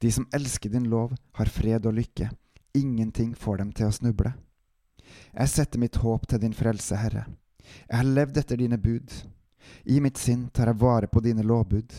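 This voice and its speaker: Dark, dry-voiced man reading scripture. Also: medium pitch, dry recording. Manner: calm, steady scripture reading. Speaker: devotional podcast host. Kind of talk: Bible reading and devotional.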